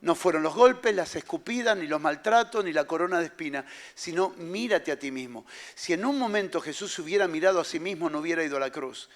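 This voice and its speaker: A man's voice: on the high side, animated, fairly quick, hardly any pauses. A man preaching a sermon as pastor, emphatic and repeating his key phrases.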